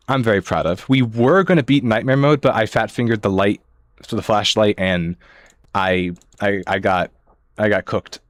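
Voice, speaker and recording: A man's voice: lowish voice, dry recording. A man livestreaming a game, talking to his viewers in a rambling, slangy, casual way into a close headset-style mic. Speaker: amateur livestreamer. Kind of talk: casual livestream chat while gaming.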